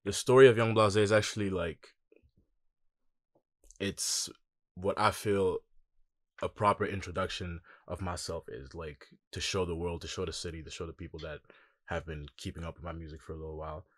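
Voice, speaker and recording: Reflective young man with a deep voice. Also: moderate pace, no echo. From Congo. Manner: relaxed, reflective, lots of "like" and "um". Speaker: musician guest. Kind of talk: casual interview.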